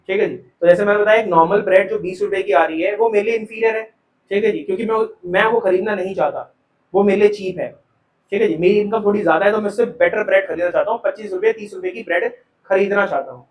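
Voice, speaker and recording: A fast-talking male teacher with a high, bright voice lectures a live commerce class. The camera catches him from a distance, so the classroom echo is strong, and he constantly questions students he calls "beta."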